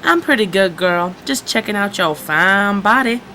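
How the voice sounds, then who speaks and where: A woman voicing a cheesy, smooth-talking male bee in a comic skit, in a raised, crooning voice. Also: medium pitch, expressive, normal speed, pushed and bright, a little hiss or hum, pitched above the performer's own voice. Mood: flirting. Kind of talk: comic puppet-style skit.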